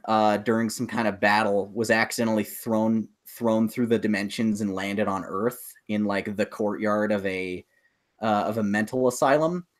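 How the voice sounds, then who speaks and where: Fairly low-pitched yet a bit bright, a man's voice carries a casual podcast conversation about films and games. As a co-host, he explains things with rambling enthusiasm.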